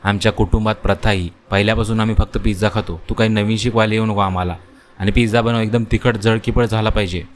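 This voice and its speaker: A bossy old cartoon mother-in-law, voiced by a man, stern and scolding. Her voice sits low and heavy, and she gives orders without any softness. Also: a little fast, a little hiss or hum, lightly acted.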